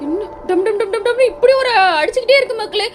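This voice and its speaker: A woman hosting a gaming channel, giving excitable, jittery commentary on a horror game and talking straight to her viewers. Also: extremely high pitch, fast talker, soft background music.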